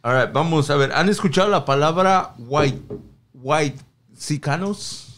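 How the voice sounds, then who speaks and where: A man's voice: fairly high pitch, unhurried, a bit bright, a little hiss or hum. A man, steering a casual podcast chat and reading a definition aloud. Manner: reads out definitions, steers the topic. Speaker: podcast co-host.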